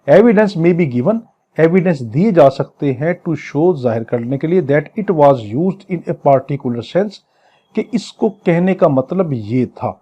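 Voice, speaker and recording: This law lecturer, a man with a Pakistani accent, teaches for an exam by unpacking the legal text one phrase at a time, restating points and slowing down to read passages in English. He sounds warm and slightly rough, pitched on the high side, and the recording has its highs cut off.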